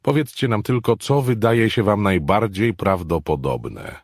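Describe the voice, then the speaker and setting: A calm, controlling boss in a thriller audiobook, as a male narrator puts him on. He speaks low and dry, gently pressing for a straight answer. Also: no room sound. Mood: coaxing. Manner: measured, coaxing.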